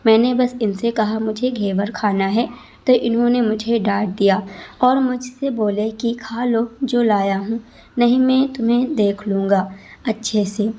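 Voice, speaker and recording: A woman's voice: fairly high pitch, fairly even intonation, unhurried, dark tone. A woman voicing a sulky, demanding young wife in a read-aloud story, scolding petulantly. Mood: tearful complaint.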